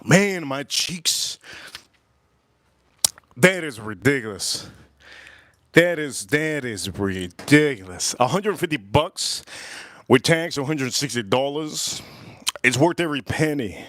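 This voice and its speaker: An American man reviews whiskey on a casual livestream, enthusiastic and repeating his phrases, sighing and exclaiming between sips. His mid-range voice is animated and fairly bright, coming slowly with long pauses. There's no echo.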